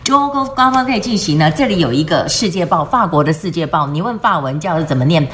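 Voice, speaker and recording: A woman's voice: on the low side, animated, quick pace, fairly bright tone. A woman teaching English words from the news, spelling them out and asking questions she answers herself, often switching between Mandarin and English mid-sentence. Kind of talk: news-based vocabulary lesson.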